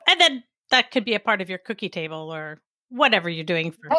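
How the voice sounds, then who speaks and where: A woman's voice: on the low side, sing-song, brisk, bright, forceful tone, no room sound, clean studio sound. A woman from the United States co-hosting a casual chat and answering with short words of encouragement.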